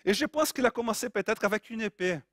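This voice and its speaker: A man's voice: high voice, lively intonation, fast talker, a bit bright, dry recording, studio quality. A man preaching a sermon in a Brazilian accent, earnest and repeating key phrases for emphasis.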